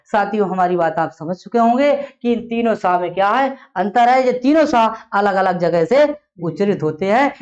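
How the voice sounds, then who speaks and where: Woman teacher quizzing and answering herself. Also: muffled recording. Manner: asks questions and answers them herself, drops low and soft on the answers. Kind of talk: classroom grammar lesson.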